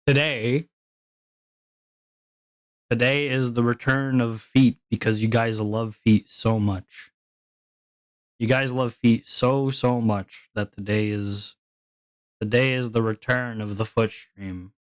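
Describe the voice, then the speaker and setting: A man's voice: mid-range voice, steady tone, takes it slowly, long pauses, no room sound. A man streaming live who talks to his chat in a sarcastic, grumbling, exasperated way. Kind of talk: casual livestream chat.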